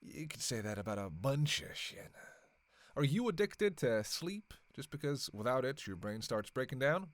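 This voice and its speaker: In casual roleplay audio acting, we hear just one side of the conversation: a man voicing a long-lived vampire killer who is sardonic and flirty, trading teasing banter laced with swearing. His mid-range voice is very animated yet lightly acted, at a moderate pace with no room sound, and he comes across as defensive and musing.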